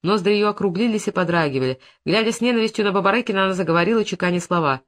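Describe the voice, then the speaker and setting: Brief: male audiobook narrator, even measured delivery. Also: high-pitched.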